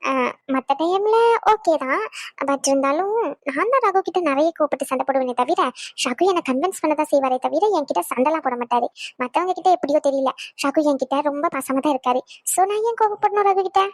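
A woman voicing a patient, caring young wife in a cartoon, gentle and reassuring. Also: sits high, a little fast, dry recording, studio quality, lightly acted. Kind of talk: cartoon voice acting.

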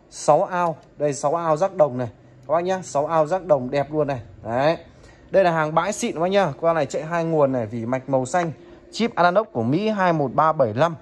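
A man demonstrating audio equipment in a chatty sales pitch, often checking in with viewers. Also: slight background noise. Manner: chatty, addresses viewers as "các bác", frequent "được chưa?". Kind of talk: product demo sales pitch.

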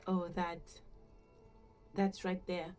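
In this video game dialogue, an actress voices a reserved working-class gardener who is uneasy and politely hesitant, speaking in an understated way. Her voice sits on the low side, slow and a little mellow, with little pitch movement and soft music behind it.

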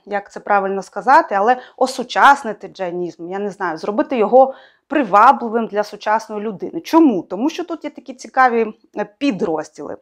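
A young adult woman reviewing a book in a casual spoken way, hesitant and thinking aloud, often pausing on fillers and correcting herself. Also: mid-range voice.

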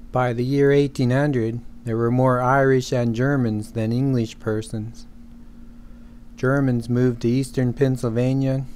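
A man giving a measured, evenly paced scripted narration for a history course. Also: medium pitch, slight background noise. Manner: measured, even reading.

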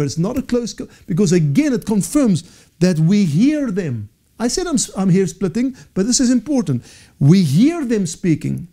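A man in his forties, Afrikaans being his first language, teaches a Bible session to camera in a studio with a dark backdrop, wearing a lapel mic. His voice sits high with a dark tone, and his delivery is earnest and gesturing, with frequent self-corrections.

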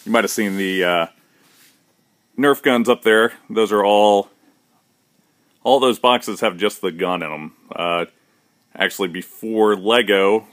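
Holding a phone camera and staying behind it, a deep-voiced man casually tours his shop's large warehouse with its shelving. His narration is relaxed and matter-of-fact, with fillers and restarts, and the recording is dry and studio quality.

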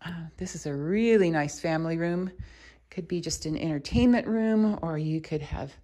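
A woman's low, warm voice at normal speed carries this casual, unscripted walkthrough by a real estate agent who chats and thinks aloud while touring the rooms. She holds the camera or phone herself, and the handheld recording is clearly noisy.

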